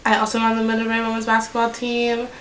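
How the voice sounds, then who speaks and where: A woman's voice: a little high, monotone, rapid-fire, a bit bright, a little hiss or hum. A young woman from Massachusetts, a college student athlete, talking casually with many fillers. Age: young adult. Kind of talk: casual interview. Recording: roomy, distant.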